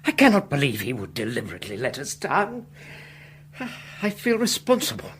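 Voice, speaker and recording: A man's voice: mid-range voice, huge pitch swings, moderate pace, fairly bright tone, roomy sound, recorded from a distance. A man playing a fussy, indignant college don in a radio drama, talking in a pompous way.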